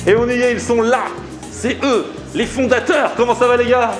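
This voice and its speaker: A man hosting a food vlog, filming himself at arm's length on the street and in a small restaurant, chatting in an upbeat, lively way. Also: very high voice, moderate pace, over music. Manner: upbeat, animated presenter. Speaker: food vlogger host. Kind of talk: casual vlog chat. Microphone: handheld camera at arm's length.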